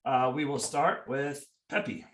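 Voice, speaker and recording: Man, panel host, easygoing, steady mid voice, echoey room, set back from the mic. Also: mid-range voice, a little slow, distant mic. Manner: easygoing, with frequent "uh" and "um". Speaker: host of a school information session. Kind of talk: moderating a video-call panel.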